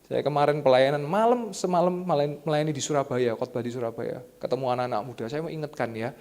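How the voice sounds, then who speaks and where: A young man with an East Javanese accent preaching a sermon as pastor, animated and joking, jumping to loud high exclamations. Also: fast talker. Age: young adult. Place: church hall. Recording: long church-hall reverb.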